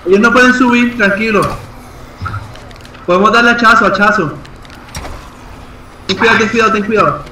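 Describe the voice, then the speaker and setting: A man's voice: high-pitched, normal speed, pauses often, sharp tone, recorded from a distance. A man playing an online game, exclaiming often and coaching his teammates on what to do. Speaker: gamer. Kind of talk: excited multiplayer gameplay chat. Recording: roomy, off-mic, noisy game audio.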